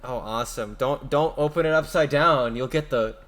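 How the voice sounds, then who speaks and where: A man's voice: mid-range voice, moderate pace, a bit bright. A man co-hosting a casual podcast, playful and jokey, chiming in with quips. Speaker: podcast co-host. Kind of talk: casual chat.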